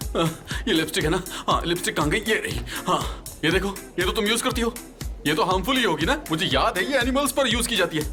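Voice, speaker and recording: A man's voice: high-pitched, lively intonation, fast. An actor dubbing a panicky young man who frets over his job, talking in a frantic, rambling way, with music behind him. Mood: flustered. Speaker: anxious office worker. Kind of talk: Hindi dub of a TV drama.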